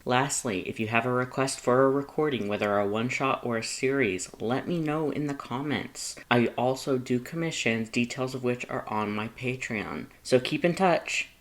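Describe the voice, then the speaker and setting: A narrator with a mid-range voice reads fan fiction aloud in an expressive storytelling style, at a moderate pace with hardly any pauses.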